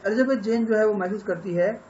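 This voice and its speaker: A man with an Indian accent teaching English literature, summarizing a novel chapter by chapter in an explanatory lecture, mixing Hindi with English and pausing on fillers. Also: sits high, darkish tone, lo-fi sound, slight background noise.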